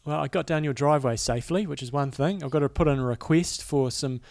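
Gravelly New Zealand man talking sport. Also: a little high, fast, darkish tone. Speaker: podcast co-host. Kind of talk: casual sports news commentary.

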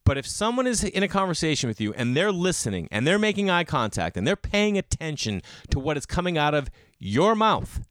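A man's voice: medium pitch, a bit bright, dry recording, clean studio sound. A man hosting a solo podcast in a casual, opinionated rant, blunt and emphatic, with bro-style slang and swearing. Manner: rhetorical questions answered by himself. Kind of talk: casual ranting monologue. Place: garage.

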